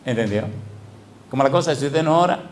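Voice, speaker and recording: A middle-aged male pastor preaching a lively sermon in a church, often asking the congregation questions. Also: medium pitch, fairly quick. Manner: animated, asks the congregation repeated questions. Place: church sanctuary.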